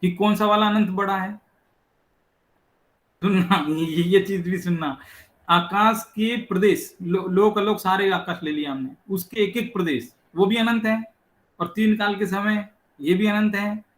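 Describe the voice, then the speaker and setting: A man giving a religious scripture lecture, explaining step by step, asking rhetorical questions and reciting verses slowly. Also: sits high. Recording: echoey room.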